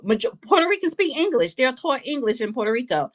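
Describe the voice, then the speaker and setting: Blunt, argumentative woman with a higher voice. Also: very animated, quick pace. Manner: blunt, argumentative, insistent, interrupting. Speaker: talk show co-host. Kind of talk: casual call-in banter.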